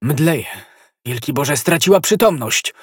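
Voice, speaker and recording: A man's voice: a little high, expressive, unhurried, husky, no room sound, clean studio sound, pitched above the performer's own voice, exaggerated voice. D'Artagnan, a man doing a frantic young musketeer. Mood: desperate. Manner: loud and urgent, exclaiming. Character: ardent young male musketeer, desperate lover.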